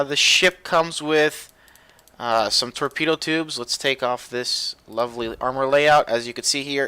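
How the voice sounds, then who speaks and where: Bright-voiced excitable young man. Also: medium pitch, clean tone, no echo. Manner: excitable, rambling, gets loud when animated. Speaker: gaming video host. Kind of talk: casual gameplay commentary.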